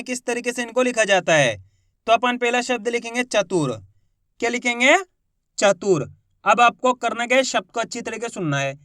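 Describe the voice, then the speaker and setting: A man with a high voice gives a reading lesson for beginners. He sounds out words syllable by syllable and repeats each one slowly. The recording is close and dry, with no room echo. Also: fairly bright tone. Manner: encouraging, asks the learner questions. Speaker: Hindi reading teacher.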